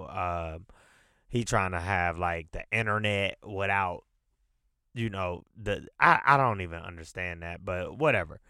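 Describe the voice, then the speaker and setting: A man with a stuffy nose hosts a casual solo podcast, rambling loosely with fillers and cursing often. His fairly low voice is smooth with a sharp tone, recorded dry in clean studio sound.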